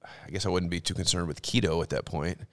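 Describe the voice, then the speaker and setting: A man in casual chat, answering in quick, agreeing replies. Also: deep voice, fairly even intonation.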